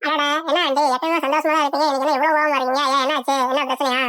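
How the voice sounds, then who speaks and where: A woman's voice: sits high, little pitch movement, racing, sharp tone, no echo, voice pushed up. A woman voicing a meddling, scheming neighbour in a cartoon, with a sly, gossipy manner. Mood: fake concern. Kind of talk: cartoon voice acting.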